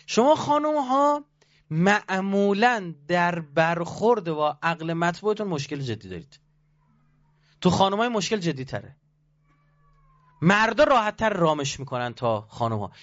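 Man preaching, high-ish and very animated, dull lo-fi recording; lively sermon full of rhetorical questions. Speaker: cleric or religious speaker.

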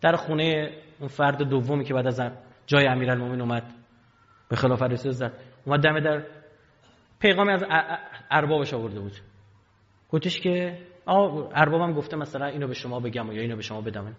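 A man preaching a sermon from the pulpit, telling stories with dramatic swings in loudness and pitch. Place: hall with pulpit. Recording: dull lo-fi sound, long hall reverb.

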